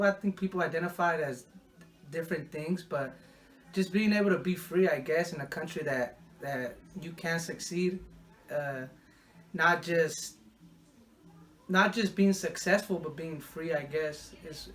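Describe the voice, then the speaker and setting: A young man from Mexico answers interview questions in a relaxed, unscripted way. His voice sits a little higher than most men's, and he often stalls and repeats words before he finishes a thought. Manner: halting, repeats words while thinking.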